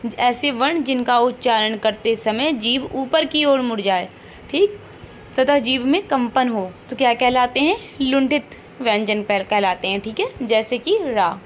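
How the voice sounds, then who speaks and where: A woman's voice: a little high, slight background noise. A woman teacher giving an online lesson, patiently repeating each point, modeling sounds aloud and checking in with frequent questions.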